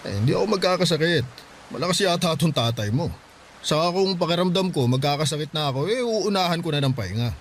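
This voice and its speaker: Playing a tender, reassuring widowed dad of about forty-five who works hard, this radio-drama actor speaks quickly with lively intonation and a voice on the high side. It comes across close to an everyday voice. Slight background noise is present.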